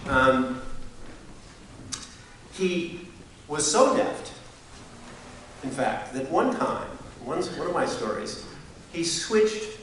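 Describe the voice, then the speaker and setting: A man giving a wry, halting memorial speech full of anecdotes, often pausing to clear his throat. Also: on the high side, fairly bright tone. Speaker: eulogy speaker, science reporter. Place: community hall memorial gathering. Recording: echoey hall, distant mic, hiss.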